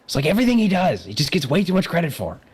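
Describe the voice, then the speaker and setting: A young man co-hosting a movie podcast, his pitch swinging widely up and down as he rants. He sounds sarcastic and exasperated in casual chat. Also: wildly swooping pitch, rapid-fire, slightly rough. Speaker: podcast co-host.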